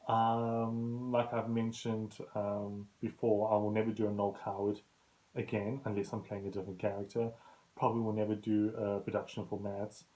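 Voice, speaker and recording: A man's voice: on the low side, flat delivery, normal speed, dark tone, low-quality recording. Chatty man telling stories. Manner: chatty, rambling, often laughs at himself. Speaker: host. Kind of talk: casual anecdotal monologue.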